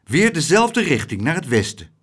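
A man voicing an earnest, steady young boy in an audiobook, raising his voice to sound like a child. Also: fairly high pitch, moderate pace, slightly rough, pitched above the performer's own voice. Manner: earnest, matter-of-fact.

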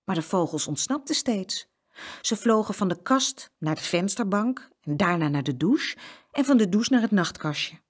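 A woman reading a children's story aloud with an expressive, lively delivery. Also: medium pitch, normal speed.

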